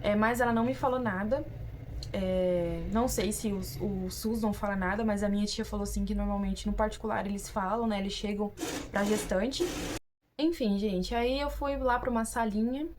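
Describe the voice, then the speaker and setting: A woman's voice: medium pitch, steady tone, moderate pace, noisy background. A young woman with a Brazilian Portuguese accent, casually telling viewers her own story, chatty and full of fillers and restarts. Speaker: vlogger.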